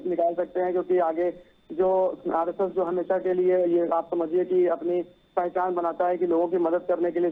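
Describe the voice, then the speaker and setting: Guy doing a live news report down a tinny phone line, high voice, lots of "uh"s and restarts. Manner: repeats "सीधे तौर पर" and "आप समझिए", many fillers and restarts. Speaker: news correspondent.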